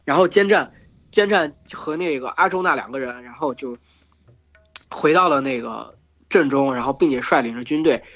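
A hoarse man hosting a podcast, retelling an epic in casual chat, full of fillers and restarts. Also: medium pitch, normal speed, fairly bright tone. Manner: rambling with many fillers and restarts. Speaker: podcast host retelling myths. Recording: dull lo-fi podcast recording with faint music.

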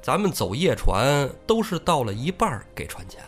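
A man's voice: big pitch swings, normal speed, faint music behind, lightly acted. A man doing a sly, drawling river boatman. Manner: drawling, mocking, low-voiced. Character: sly menacing boatman, middle-aged man. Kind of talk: comic storytelling podcast.

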